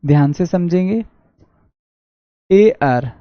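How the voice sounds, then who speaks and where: A man with a Haryanvi accent teaching an online exam-prep English class, reading sentences slowly and answering his own questions. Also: high-pitched, animated, dry recording. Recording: dull dry lo-fi audio.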